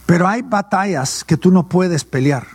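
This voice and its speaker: A man's voice: sits high, expressive, a little slow, slightly rough, dry recording. A male pastor, preaching a sermon and asking questions that he answers himself. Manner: call-and-response preaching, asks and answers his own questions.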